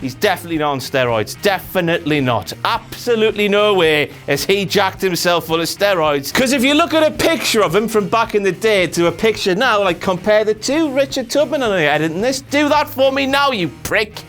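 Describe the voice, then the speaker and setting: A man's voice: high voice, lively intonation, fairly quick, hardly any pauses, a bit bright, soft background music. A British man hosting a comic wrestling review, giving slangy, sweary, mocking commentary.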